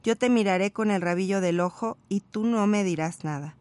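A woman voicing a wistful, patient male fox, explaining calmly while reading a story aloud. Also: mid-range voice, moderate pace, dry recording, lightly acted.

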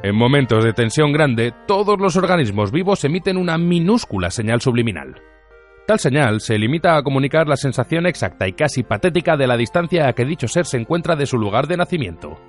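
A man reading a novel aloud as an audiobook narrator, expressive and measured. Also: medium pitch.

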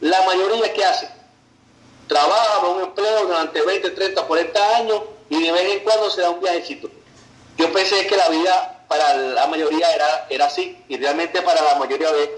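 A man's voice: high voice, steady tone, moderate pace, reverberant, low-quality recording. A man from Venezuela, giving an online business presentation in a persuasive way and often checking in with "ok" and "right". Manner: persuasive, tags sentences with "ok" and "verdad".

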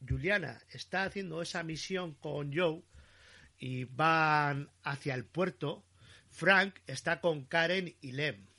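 A man, co-hosting a casual chat and retelling a story with animated storytelling. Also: a little high, slow pace, creaky. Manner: animated storytelling, acting out quotes.

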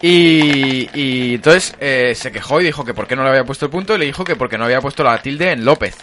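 Bright-voiced podcast host, laughing. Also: male voice, mid-range voice, fast talker, soft background music. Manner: laughs often, storytelling with fillers. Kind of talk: casual chat.

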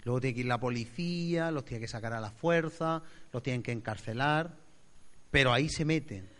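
Male pastor, mid-pitched, dramatic sermon delivery with loud and soft swings. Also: normal speed. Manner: expressive, acts out voices, swings loud to soft.

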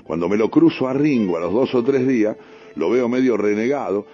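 A man with a Rioplatense accent, a radio host, reading a first-person story in an unhurried way with street slang. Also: medium pitch, mellow. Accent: Rioplatense Spanish. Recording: dull radio broadcast, faint music.

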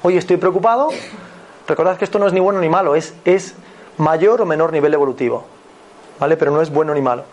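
A man with an accent from Spain giving a motivational talk as a personal growth mentor, animated and repetitive, often checking in with his listeners. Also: a little high, fast. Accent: Spain Spanish.

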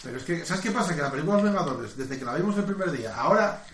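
A man's voice: on the high side, lively intonation, very fast, a bit bright, reverberant, distant mic. A man co-hosting a casual chat among friends, teasing the others with crude banter. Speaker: podcast co-host.

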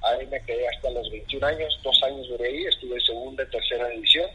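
A middle-aged man, telling his story as an interview guest in an animated, casual way. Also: medium pitch, quick pace, husky, lo-fi sound. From Mexico. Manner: animated, acts out dialogue, many fillers. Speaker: interview guest, goalkeeper coach.

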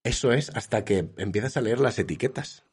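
Man, husky, rambling, self-mocking, casual chat. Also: fairly low pitch, lively intonation, fairly quick. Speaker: podcast co-host.

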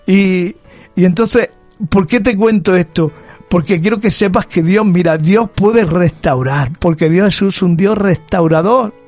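High-voiced preacher, fervent. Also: male voice, unhurried, a little mellow, no echo, soft background music. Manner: storytelling, rising to fervent emphatic repetition. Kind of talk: sermon.

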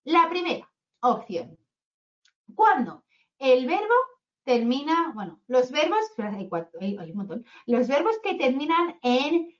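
Lively teacher woman, lo-fi. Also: sits high, unhurried. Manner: chatty, asks "¿vale?" often. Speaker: English teacher. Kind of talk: online grammar lesson. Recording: dull lo-fi sound.

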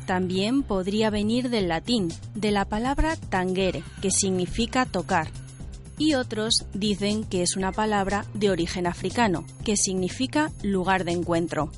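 A woman with a Spanish accent from Spain, presenting a radio program in a clear, measured teaching manner and interviewing students. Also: mid-range voice, soft background music. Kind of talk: scripted narration and interviewing.

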